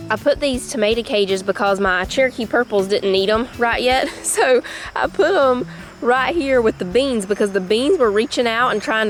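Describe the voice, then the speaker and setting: A woman's voice: mid-range voice, a little hiss or hum. A woman with a Southern US accent, chatting homily through her garden and kitchen in a casual vlog, laughing easily as she goes. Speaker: home cook and gardener, channel host.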